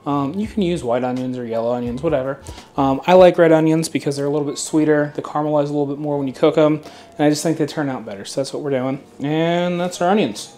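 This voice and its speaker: In his home kitchen, a man in his thirties hosts a cooking video, chatting relaxedly with plenty of fillers and the occasional swear word. His voice is fairly high and quick.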